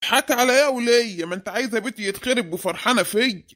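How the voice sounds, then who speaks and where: A man's voice: very high voice, very fast, a bit bright. A man voicing a frightened, stingy father in an Egyptian cartoon, grumbling with an Egyptian accent. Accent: Egyptian Arabic.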